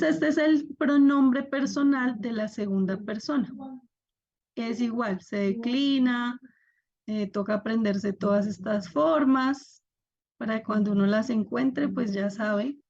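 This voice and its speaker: A woman's voice: on the high side, a little mellow. Woman teacher on a lo-fi video call. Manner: patient, explains step by step, asks students to react. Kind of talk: online class lecture.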